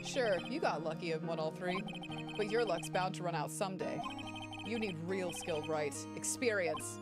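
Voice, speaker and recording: A woman's voice: lowish voice, normal speed, natural voice. A woman voicing an arrogant young male prosecutor from a video game, cold and dismissive. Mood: cold, condescending. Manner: haughty, dismissive. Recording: game music underneath.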